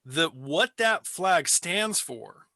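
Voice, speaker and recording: A man in a casual panel chat making his point in a deliberate, measured way. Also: on the high side, animated, bright, forceful tone, no echo. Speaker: panel guest.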